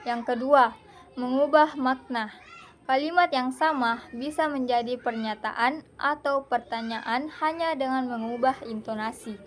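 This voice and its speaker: A young woman from Indonesia, a student reading a prepared lesson presentation aloud in a measured, deliberate way with pauses. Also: high-pitched.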